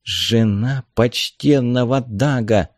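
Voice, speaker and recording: A man voicing a quiet, soft-spoken young woman in a storybook reading. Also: medium pitch, sing-song, unhurried, no room sound, clean studio sound.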